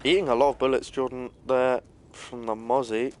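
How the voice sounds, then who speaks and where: A man's voice: medium pitch, steady tone, moderate pace, darkish tone, slight background noise. A man giving casual, analytical live commentary on a competitive shooter match. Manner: casual, analytical, filler-heavy. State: has the hiccups. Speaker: esports caster.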